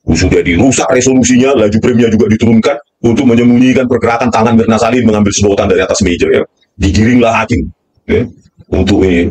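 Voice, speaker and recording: A man's voice: fairly low pitch, darkish tone, a little hiss or hum. A man delivering angry commentary in a furious rant, repeating a filler tag constantly.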